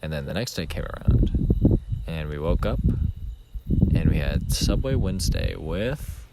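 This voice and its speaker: A young man with a deep, low voice chats casually on a podcast, rambling with lots of ums and uhs. The recording carries a steady hiss of background noise. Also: slow pace. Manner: rambling, relaxed storytelling with many fillers. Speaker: podcast co-host. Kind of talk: casual chat. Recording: noisy home recording.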